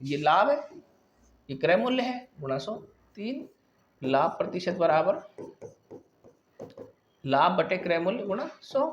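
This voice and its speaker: A male maths teacher giving a classroom lesson, working through problems step by step and often pausing to check that students follow. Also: high-pitched, sing-song, lo-fi sound, slight background noise.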